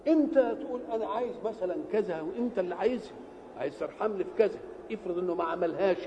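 An older man with an Egyptian accent explaining a Quran verse, asking rhetorical questions and answering them himself. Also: background noise. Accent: Egyptian Arabic. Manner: uneven loudness, often dropping low. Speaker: religious scholar. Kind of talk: Quranic exegesis lesson. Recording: old lo-fi hall recording with echo.

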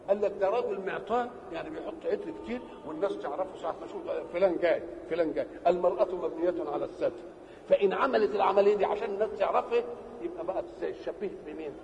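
High-voiced Egyptian man teaching in a hall. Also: gravelly, a little mellow, highs cut off. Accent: Egyptian Arabic. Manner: asks questions and answers them himself; stretches key words slowly for emphasis. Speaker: religious teacher. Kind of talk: religious lesson. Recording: reverberant hall with faint background noise.

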